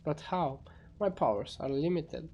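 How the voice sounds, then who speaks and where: A man's voice: fairly high pitch, animated, a little slow, a little mellow, breathy edge, highs cut off, exaggerated voice. A man voicing a fearful, obedient sorcerer servant, deferential and formal, in an amateur fantasy game story. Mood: submissive.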